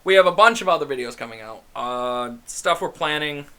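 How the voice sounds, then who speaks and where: A man's voice: on the high side, lively intonation, brisk, pushed and bright, smooth. A young man hosting a casual podcast chat, laughing often and swearing casually. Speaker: podcast host.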